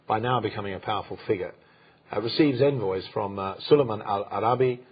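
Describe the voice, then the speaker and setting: A man with a very husky, breathy voice, pitched a little low, talks his way through history without a script. He stops often, fills the gaps with "uh", and restarts his phrases. The sound is dull and lo-fi. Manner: halting, many fillers and restarts. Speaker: co-host, history presenter. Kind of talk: unscripted history talk.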